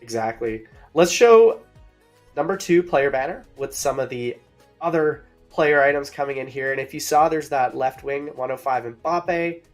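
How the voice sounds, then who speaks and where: A man's voice: medium pitch, animated, normal speed. Upbeat guy cohosting a game stream, kinda out of breath, talks to chat, faint music in the back. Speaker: co-host of a game livestream. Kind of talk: casual livestream chat.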